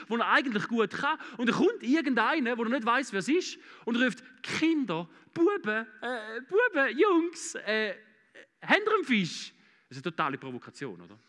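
Swiss German preacher in his thirties, bright high voice, storytelling sermon in a reverberant hall. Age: 30s. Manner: animated storytelling, acting out voices.

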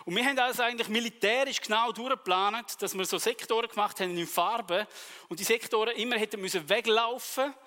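Swiss guy preaching, bright high voice, tells stories, long church echo. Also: fairly quick. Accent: Swiss German. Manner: lively storyteller acting out dialogue. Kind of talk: sermon with personal stories.

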